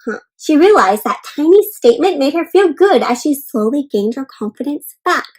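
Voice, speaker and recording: She's a read-aloud host sharing a storybook with little children, reassuring and encouraging them while stopping often for simple explanations and check-ins. Her high voice is expressive and darkish in tone, at a normal speed.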